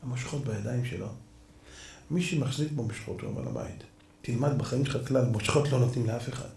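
A man voicing a solemn male judge in a spoken parable, speaking low and hushed. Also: gravelly, reverberant, far from the mic, slight background noise, close to an everyday voice. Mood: grave.

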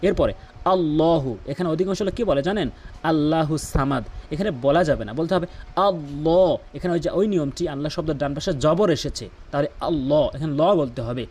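Brief: man with a Bangladeshi Bengali accent, patient recitation teacher, voice sits a bit high. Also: a little mellow, husky. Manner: patient, repeats words slowly for the viewer to copy. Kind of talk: Quran pronunciation lesson.

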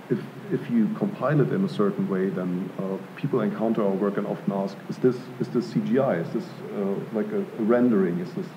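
A man's voice: lowish voice, background noise. A man in his thirties from Germany, answering at an art gallery panel in a thoughtful, hesitant way with many fillers and restarts. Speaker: panel artist. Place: art gallery panel before a live audience. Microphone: table mic on stand. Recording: dull lo-fi live room sound.

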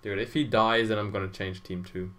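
A man's voice: fairly low pitch, fairly even intonation, a little fast, background noise. A young man chatting casually with a friend while playing a shooter game, jumpy and exclaiming when he is shot at. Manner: jumpy, exclaims during firefights. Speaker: gameplay channel host. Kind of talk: casual gaming chat with a friend.

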